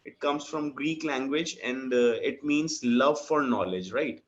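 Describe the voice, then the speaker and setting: A man teaching yoga philosophy in an online class, explaining patiently and checking that his student follows. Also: medium pitch. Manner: patient, explains slowly with many checks for understanding. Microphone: video call. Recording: dull lo-fi video call audio with faint music.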